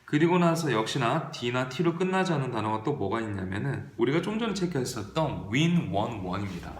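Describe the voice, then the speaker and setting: A man's voice: mid-range voice, sing-song, moderate pace. A male English teacher giving an online video lesson, reading verb forms aloud in drills and asking and answering his own questions. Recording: roomy echo.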